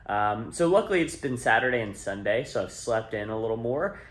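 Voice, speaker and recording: A man's voice: mid-range voice, animated, fairly quick, a bit bright. A man giving casual, informal updates to camera as a vlogger. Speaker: vlogger documenting a challenge.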